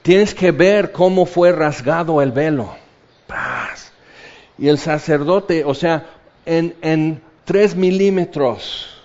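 A man with a Mexican accent delivers a sermon with theatrical swings in volume, from ringing exclamations down to hushed asides. His voice sits a little high for a man. The recording is dull and lo-fi. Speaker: preacher.

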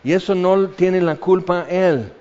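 Pastor guy preaching, lively, acts out little voices, kinda muffled lo-fi audio. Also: high-pitched, a little slow. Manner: animated, acts out quoted voices. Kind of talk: sermon.

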